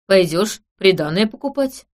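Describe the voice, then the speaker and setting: A woman reading an audiobook, voicing a composed nobleman with a dry, wry, measured way of talking. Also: medium pitch, lively intonation, close to an everyday voice.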